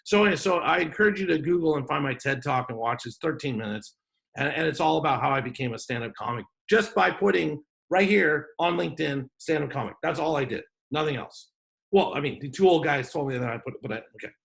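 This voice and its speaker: Chatty, gravelly man hosting a workshop. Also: fairly high pitch, fast talker, a bit bright. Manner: joking, chatty, off-the-cuff. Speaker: workshop host. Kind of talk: online business workshop talk. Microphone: video call.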